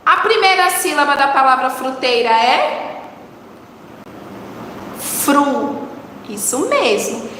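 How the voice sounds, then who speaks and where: A high, bright woman's voice with a Brazilian accent leads children through a recorded lesson. She coaxes them along, asking questions and answering them herself. The sound rings in a reverberant room with a long tail and faint background noise. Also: big pitch swings, a little slow. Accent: Brazilian Portuguese. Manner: warm coaxing teacher talk, asks questions and answers them. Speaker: teacher.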